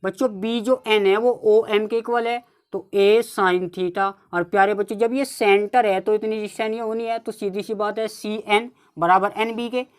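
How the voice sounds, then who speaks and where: A woman's voice: medium pitch, steady tone, smooth. A woman with a North Indian accent teaching a maths lesson step by step, often addressing her students as children. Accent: Hindi-speaking North Indian. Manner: keeps addressing the class as "children", repeats steps slowly.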